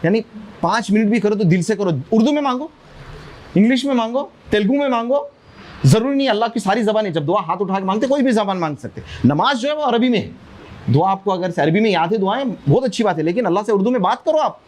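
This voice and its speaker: A man giving an animated religious talk to schoolchildren, asking them questions and acting out their prayers. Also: sits high, quick pace. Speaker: speaker at a school. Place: school classroom.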